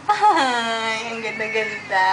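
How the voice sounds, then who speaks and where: A woman on a video call, talking in doting, cooing baby talk to her baby. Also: fairly high pitch. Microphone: computer microphone on a video call. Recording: noisy home video-call recording.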